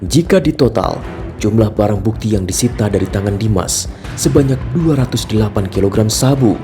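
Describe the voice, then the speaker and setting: A man narrating an investigative news report in a measured, emphatic scripted delivery. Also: fairly low pitch, expressive. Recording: voice-over with music bed.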